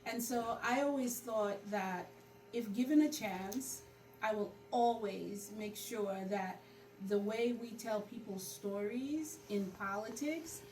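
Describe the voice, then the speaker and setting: A woman's voice: on the high side, takes it slowly. A middle-aged woman born in Haiti, a community organizer, telling her story in an interview. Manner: storytelling, animated when quoting herself. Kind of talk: interview conversation. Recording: roomy, distant mic with background noise.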